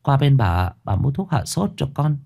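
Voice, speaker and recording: A kind old neighbor woman, pleading softly and fretting in a raised voice, as a man puts her on. Her pitch lifts and falls with feeling. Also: huge pitch swings, unhurried, exaggerated voice. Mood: tender. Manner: soft, pleading and fretful. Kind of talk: storytelling with character voices.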